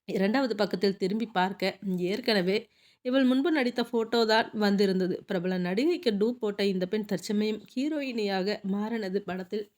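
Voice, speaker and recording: A woman's voice: mid-range voice, moderate pace, a little mellow. Woman narrating a romance audiobook. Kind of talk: reading a romance novel aloud.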